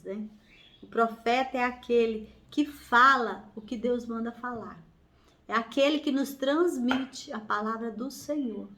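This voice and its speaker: A woman's voice: fairly high pitch, a bit bright. A woman leading a family prayer circle, preaching fervently with repeated exhortations and reading scripture aloud. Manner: fervent, repetitive exhortations with hallelujahs; slow, emphatic, drawn-out phrasing. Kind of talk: devotional preaching and Bible reading.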